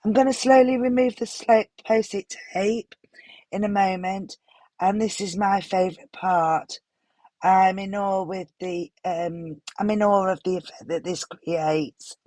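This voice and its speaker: A woman with a hoarse, unwell voice, gently narrating a craft tutorial voiceover with some apologetic pauses. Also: medium pitch, fairly even intonation, dry recording. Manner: gentle, apologetic, stops for fillers. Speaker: card-making tutorial host.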